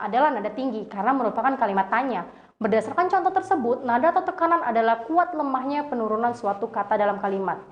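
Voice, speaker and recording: A woman with a slightly high voice reads a lesson aloud, stumbling over words and correcting herself as she goes. The recording is dull and lo-fi. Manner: reads with slips and self-corrections.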